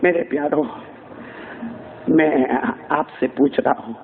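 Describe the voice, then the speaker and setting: A man delivers an emotional sermon in a high voice, swinging from tearful pleading to near shouting as he urges his listeners to respond. The recording is thin and phone-like, with little low end. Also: vocal fry, a little hiss or hum. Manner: calls on the crowd to answer back. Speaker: preacher. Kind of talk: emotional Urdu sermon storytelling. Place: mosque. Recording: tinny, narrow phone-like sound.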